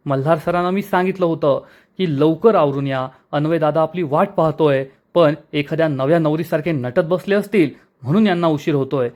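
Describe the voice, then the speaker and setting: A man's voice: on the high side, normal speed, darkish tone, lightly acted. Man reading a flustered young wife. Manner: impatient, fretful.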